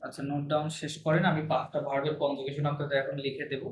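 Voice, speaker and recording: A man's voice: a little high, little pitch movement, rapid-fire. A man teaching a language class, patiently repeating words for his students to copy. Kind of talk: classroom lesson. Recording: echoey room, faint hiss.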